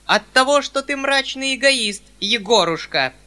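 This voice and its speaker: A man voicing a domineering old general's widow who accuses her son menacingly and loudly. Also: extremely high pitch, lively intonation, measured pace, voice pushed up, exaggerated voice. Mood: accusing.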